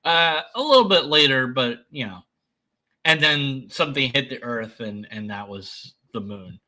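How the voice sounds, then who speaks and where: Male commentator, very bright forceful voice, slow emphatic delivery, dry dismissive sarcasm. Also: medium pitch, lively intonation. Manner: sardonic, dismissive. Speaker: commentator debunking another person's video. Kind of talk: unscripted reaction commentary.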